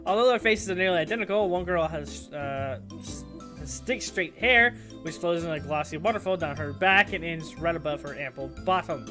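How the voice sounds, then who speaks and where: A young man streaming a visual novel, reading the narration aloud with animated joking asides. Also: fairly high pitch, moderate pace, over music.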